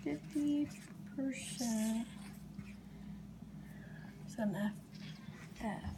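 Her voice is a little high and she draws out her words as she chats casually as a vlog host, muttering slangy asides during a challenge video. Very noisy home video sound surrounds her.

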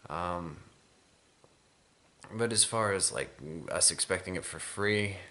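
A man's voice: sits low, slow, pushed and bright. A man in his twenties chatting casually to camera, rambling in a weary, drowsy, hesitant way. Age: 20s. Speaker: video blogger. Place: small room indoors at home.

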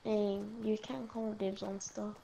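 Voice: mid-range voice, flat delivery, a little slow, mellow, dull audio. A player chatting casually during a video game, with teasing, profane banter. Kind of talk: casual gaming chat. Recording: clearly noisy game voice chat.

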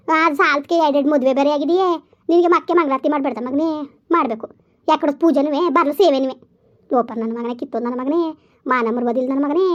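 A woman playing a furious village mother who scolds her grown son in shrill, rapid-fire curses in a rural comedy drama. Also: close to an everyday voice. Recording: dull lo-fi recording.

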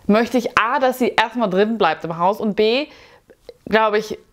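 A woman's voice: medium pitch, a little slow. A woman in her thirties giving a casual, opinionated reaction commentary with sarcastic asides, recorded indoors in a small dim room on a clip-on mic. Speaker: YouTube commentator.

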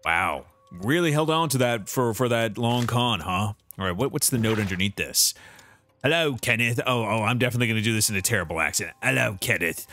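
A man's voice: on the low side, animated, fast talker, few pauses, fairly bright tone, slight background noise. A man streaming a detective game live, thinking aloud about clues with frequent restarts.

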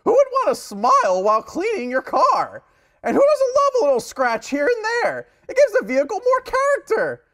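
A man's voice: very high-pitched, wildly swooping pitch, moderate pace, a bit bright, exaggerated voice. A man voicing a cranky, indignant old kitchen sponge politician, whiny and melodramatic, in a comic mock debate.

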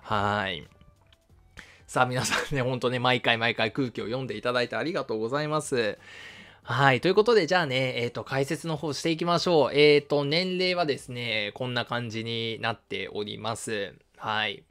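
A man from Shizuoka hosting a history live stream, reading viewer comments in a casual, friendly way with lots of fillers. He calls his own voice fairly high. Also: moderate pace, a bit bright. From Shizuoka, Japan. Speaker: history channel host.

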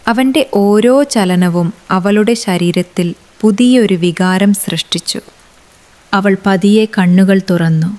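A woman reading a romance story aloud as scripted narration, with a measured, unhurried delivery. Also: medium pitch, a little mellow.

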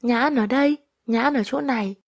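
A woman's voice: fairly high pitch, brisk. A woman teaching a listen-and-repeat language lesson, patiently saying each phrase twice.

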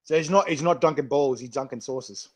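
A middle-aged man, chatting in a jokey, matey, animated way on a casual livestream. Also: medium pitch, fairly quick, slightly rough. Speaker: chilli challenge show host. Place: small home room, indoors, on a video call. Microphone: desk microphone close up, with headset.

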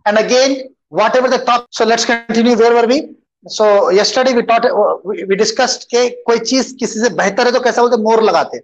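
An Indian-accented teacher walks through homework sentences one by one, unhurried and deliberate. The patient explanations drift between English and Hindi. The sound is a little dull and lo-fi. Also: mid-range voice. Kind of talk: online English grammar lesson, mixing English and Hindi.

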